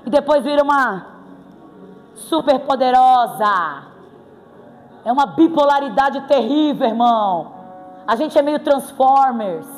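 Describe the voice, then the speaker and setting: High-voiced Brazilian woman preaching in hall. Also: a little slow, long pauses. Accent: Brazilian Portuguese. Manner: playful, animated, bursts into exclamations. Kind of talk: sermon. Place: church hall. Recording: reverberant hall with faint music.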